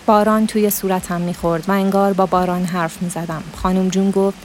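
A woman's voice: mid-range voice, flat delivery, a little mellow, a little hiss or hum. Woman narrating a literary story. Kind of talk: literary audiobook reading.

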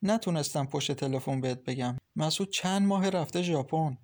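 A man's voice: a little high, natural voice. A man voicing a downcast pregnant young wife who speaks sadly and hesitantly in an audiobook. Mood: troubled. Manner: sad, hesitant, complaining quietly. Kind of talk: audiobook character reading.

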